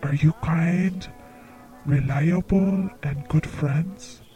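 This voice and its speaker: A man hosts a comedic psychic call-in show, taking his time over every word. His voice is soft-spoken and earnest, and it sits very dark and mellow. His pitch is a touch higher than most men's. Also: drawn-out words, soft background music, poor audio. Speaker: psychic radio show host.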